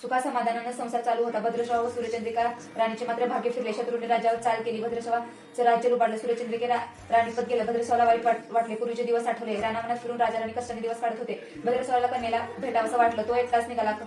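A woman storyteller reading a devotional folk tale aloud in a brisk, steady way. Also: on the high side, roomy sound, far from the mic, poor audio.

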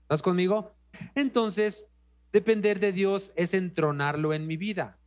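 A man's voice: high voice, steady tone, measured pace. A man with a Mexican accent preaching a sermon as pastor, emphatic, repeating phrases and speaking straight to the congregation. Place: church.

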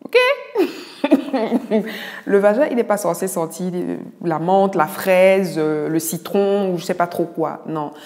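A Cameroonian woman doctor with a Cameroonian French accent answers viewer questions in a casual video Q&A, frank and teasing with blunt asides. Her voice is on the low side and darkish, at normal speed with few pauses. A long reverb tail follows her words.

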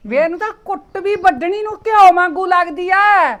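A woman's voice: extremely high pitch, moderate pace. A woman playing an older village mother with a scolding manner and a Punjabi accent. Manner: scolding, sharp-tongued. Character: sharp-tongued village mother, scolding her daughter-in-law. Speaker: mother of the husband.

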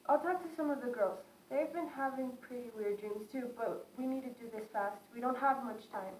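A woman's voice: fairly high pitch, normal speed, darkish tone, close to an everyday voice. A young woman voicing a determined female detainee who talks urgently and earnestly. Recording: echoey room, faint noise.

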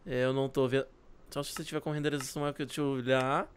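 A man hosting a Minecraft let's play, joking with a friend and yelling in panic. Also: mid-range voice, little pitch movement, racing, clear, resonant tone. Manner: jokey, shouts in panic, teasing. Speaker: gaming channel host.

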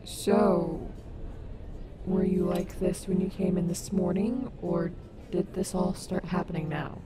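A woman's voice: on the low side, fairly even intonation, slow. A woman playing a caring, sassy robot wolf animatronic in an ASMR audio roleplay, soothing and reassuring with a wry streak. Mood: wry, concerned. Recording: noticeable background noise.

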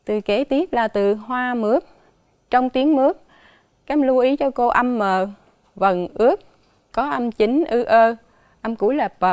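Woman teacher with a Southern Vietnamese accent, fairly high voice, slow and careful as she spells out sounds for children, dry close recording. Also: darkish tone, clear, resonant tone, no echo. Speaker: primary school teacher. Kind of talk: dictation lesson for children.

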